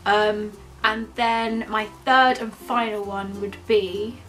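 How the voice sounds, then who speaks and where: A woman's voice: mid-range voice, fairly even intonation, slow pace, a bit bright, faint music behind, poor audio. A woman co-hosting a casual review vlog, chatty and candid, laughing easily. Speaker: vlogger co-host.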